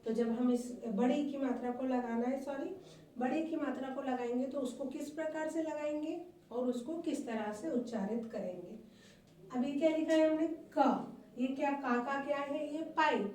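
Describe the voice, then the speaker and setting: Slow, high-voiced Hindi teacher in echoey room. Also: female voice. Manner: patient and repetitive, asks the class questions and answers them herself; calls the pupils "beta" warmly. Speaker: primary school Hindi teacher. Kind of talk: recorded online class lesson. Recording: echoey room, voice far from the mic, faint hum.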